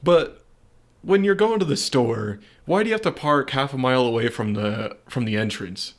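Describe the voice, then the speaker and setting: A man's voice: mid-range voice, expressive, normal speed. A young man co-hosting a podcast in casual chat, rambling and hesitant, often trailing off into mumbles. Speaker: podcast co-host. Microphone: podcast microphone.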